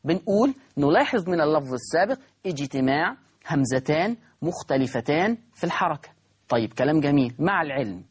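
Egyptian guy teaching quran reading, husky voice, says words over slow to show them. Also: a little high. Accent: Egyptian Arabic. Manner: repeats words slowly to demonstrate pronunciation, asks rhetorical questions. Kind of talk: recorded recitation lesson.

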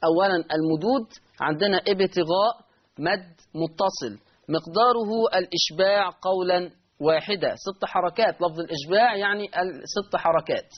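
A man's voice: sits high, a little fast, muffled recording. A man with an Egyptian Arabic accent teaching Quran recitation rules in an online lesson, repeating key terms and answering his own questions.

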